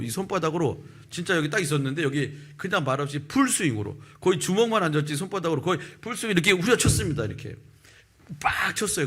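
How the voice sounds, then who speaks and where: A male pastor in his fifties preaching a sermon and telling a personal testimony, with lively storytelling that acts out the people in it. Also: fairly high pitch, breathy edge. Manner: animated storytelling, acting out quoted voices. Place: church sanctuary.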